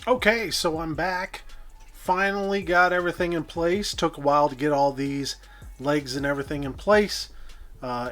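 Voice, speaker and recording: A man's voice: a little high, fairly bright tone. A man casually narrating his own gameplay, thinking aloud and correcting himself as he goes. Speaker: gameplay commentator. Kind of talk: casual let's-play narration.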